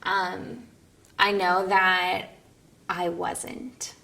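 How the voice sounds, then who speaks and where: A woman's voice: lowish voice, flat delivery, very slow, vocal fry, pushed and bright. A woman from Minnesota giving a reflective, hesitant interview answer.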